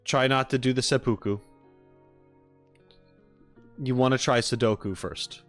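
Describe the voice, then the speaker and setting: On a live stream, a man casually critiques game character trailers as he watches, wandering informally from point to point with plenty of hedges and "like." His medium-pitched voice is a bit bright, unhurried, and fairly even, over soft background music.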